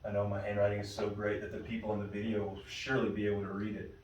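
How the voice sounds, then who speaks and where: A man's voice: fairly low pitch, monotone, racing, a little mellow, slight background noise. Man teaching a Bible study, roomy and distant. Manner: conversational storyteller, frequent restarts. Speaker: pastor leading a Bible study. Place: church meeting room. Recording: roomy room, mic at a distance.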